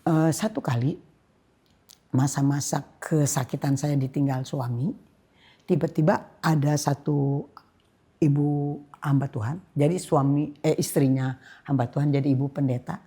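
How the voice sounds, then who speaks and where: An older woman from Indonesia speaks as a guest pastor, telling her own story with deep feeling. Her voice is very husky and gravelly, low and dark in tone. She drops to soft whispers, then rises to loud outbursts. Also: fairly even intonation, moderate pace. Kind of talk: personal testimony in a church podcast.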